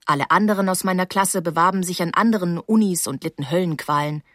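A woman narrating a first-person novel as an audiobook, calm and wry. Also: on the low side, fast talker, no echo, studio quality.

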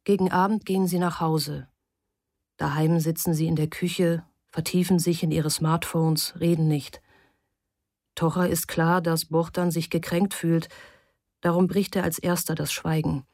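A woman narrating a story in a calm, even, measured scripted reading. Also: deep voice, dry recording, clean studio sound. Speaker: audiobook narrator.

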